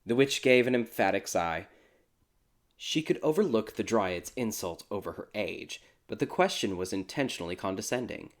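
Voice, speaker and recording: A man with a low voice reads a dark fairy tale aloud. His narration is scripted, measured and steady, and he keeps an even storyteller's pace.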